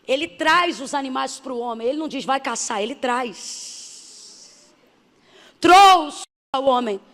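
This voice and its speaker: A woman's voice: high-pitched, lively intonation, slow pace. Emphatic woman preaching in a hall. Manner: emphatic, building to shouts. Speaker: missionary preacher. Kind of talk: sermon. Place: church hall. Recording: hall reverb.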